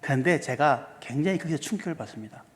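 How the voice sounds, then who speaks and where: Speaking quickly and expressively in a higher voice, a male pastor gives a seminar sermon in a church sanctuary. He peppers the congregation with questions while going through sums step by step, and the recording carries long hall reverb.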